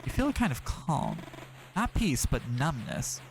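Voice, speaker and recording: A man's voice: a little high, very animated, unhurried, vocal fry, background noise. A man streaming a narrative game, reading its text aloud and breaking off for sarcastic, profane asides.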